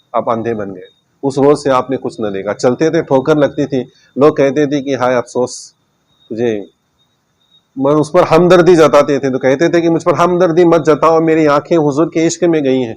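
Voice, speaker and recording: A male preacher with a somewhat high voice tells devotional stories in a daily sermon. He speaks with feeling, repeats key phrases, and sinks low and quiet at the sad parts. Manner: emotive retelling with repeated phrases.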